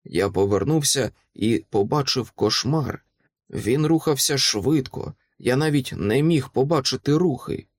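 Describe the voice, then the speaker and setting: A man's voice: medium pitch, unhurried, dry recording. Guy reading an audiobook, dramatic first-person telling, mid voice, super dry close mic. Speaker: audiobook narrator. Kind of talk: scripted audiobook narration.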